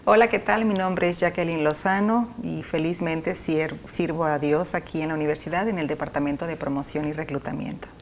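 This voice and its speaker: Woman, lowish voice, calm, reads scripture, faint background hiss. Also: brisk, few pauses. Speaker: guest, university recruiter. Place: TV studio.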